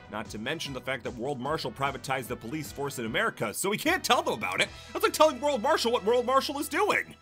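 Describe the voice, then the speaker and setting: Over faint background music, a man narrates a video game review in a bright, crisp, slightly high voice. His pitch swings widely as he slips sarcastic jokes in between plain explanations.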